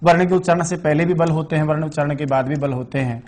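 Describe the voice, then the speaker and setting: A man's voice: a little high, fast talker, a little mellow. A man teaching Sanskrit grammar in an online exam-prep lecture. He asks questions and answers them himself, and repeats the key terms.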